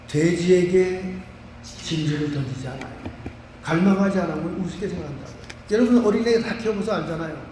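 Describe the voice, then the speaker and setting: A Korean man, a pastor, preaching a lively sermon full of homely examples. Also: high-pitched, slight background noise. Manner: animated preaching with vivid everyday examples. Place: church sanctuary. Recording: roomy church hall from a distance.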